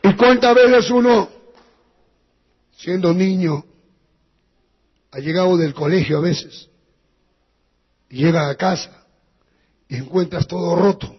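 Male pastor, high and very raspy, preaching through long church reverb. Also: takes it slowly, pauses often, lo-fi sound. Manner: storytelling preacher, dropping to a hushed voice in sad passages. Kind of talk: sermon.

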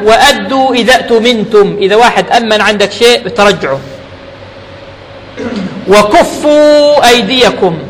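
A man's voice: high voice, fairly bright tone. A man giving an emphatic Friday sermon in a mosque, mixing formal oratory with colloquial asides. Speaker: preacher. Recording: reverberant mosque hall, faint noise.

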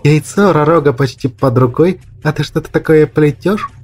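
A man voicing a cruel, scornful female bandit leader in an audiobook, with a husky, mocking, hissing delivery. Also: fairly high pitch, normal speed, darkish tone, close to an everyday voice. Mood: sneering. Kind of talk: audiobook character voice.

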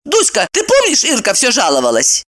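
A brash, sharp-tongued young woman scolds and exclaims with a very lively swing in pitch, as a woman reading a story puts her on. Her voice sits somewhat high and snaps out each line. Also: brisk, heavily acted. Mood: indignant.

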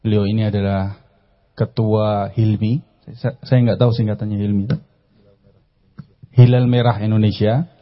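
A man's voice: fairly low pitch, level tone, a little slow, long pauses. A man opening with a formal prayer and introducing the next speaker in a plain, formal manner. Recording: lo-fi live recording.

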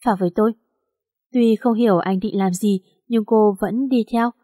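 Mellow-voiced woman narrating a romance. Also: a little high, a little slow, no room sound, clean studio sound. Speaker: audiobook narrator. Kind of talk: scripted narration of a romance story.

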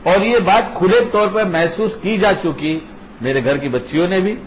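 A man's voice: high-pitched, expressive, a little hiss or hum, low-quality recording. An older man, a grandfather, giving an informal religious talk in an emphatic, conversational way and repeating his key points. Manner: repetitive, emphatic, conversational teaching. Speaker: religious speaker.

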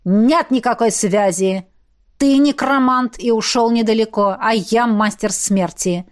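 A woman voicing a booming, stern death-master man. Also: measured pace. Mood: gruff. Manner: booming, gruff, commanding.

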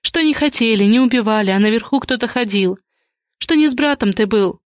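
A woman voicing an anxious middle-aged mother who pleads in a hurried, imploring way, in an audiobook. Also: on the high side, no echo, studio quality, close to an everyday voice. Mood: pleading. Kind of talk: audiobook character reading.

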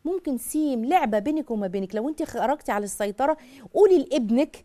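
A middle-aged Egyptian woman hosts a live call-in advice show on parenting. Her voice sits high for a woman and her words tumble out at great speed. She keeps it lively by acting out what mothers say. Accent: Egyptian Arabic. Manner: rapid, animated, acts out mothers' words.

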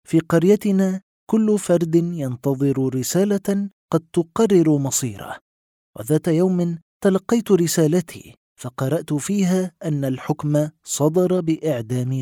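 A man narrating short literary stories in a measured, even reading voice. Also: fairly high pitch, no echo, clean studio sound.

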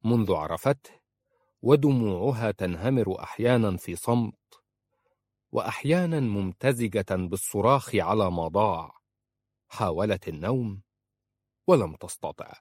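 A man narrating a novel in a measured, sober storytelling voice. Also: fairly low pitch, lively intonation, darkish tone, no echo. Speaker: audiobook narrator.

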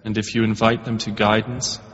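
A man reading a scripture translation aloud in a steady, measured way. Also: fairly low pitch. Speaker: translation reader. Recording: dull lo-fi recording with hall reverb.

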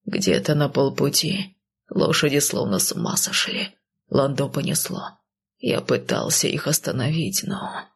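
A woman voicing a timid, guilt-ridden undead male coachman who mumbles and pleads in a hushed voice. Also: mid-range voice, lively intonation, a little slow, gravelly, breathy edge, heavily acted. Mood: pleading.

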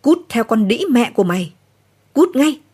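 A woman voicing a drunk bearded father who shouts coarse insults at his daughter. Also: mid-range voice, lively intonation, fairly quick, breathy edge. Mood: harsh. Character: drunk bearded father, harsh then broken.

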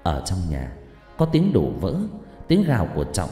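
Guy telling a creepy story, dark mellow voice, lots of reverb, faint music. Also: low-pitched, huge pitch swings, moderate pace. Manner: dramatic, hushed in tense passages. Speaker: narrator. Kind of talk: horror story narration.

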